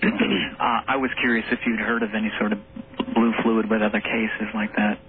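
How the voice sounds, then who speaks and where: A man's voice: lowish voice, fairly even intonation, normal speed. A man phoning in to a radio show, recounting a personal story on air. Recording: tinny, noisy telephone line.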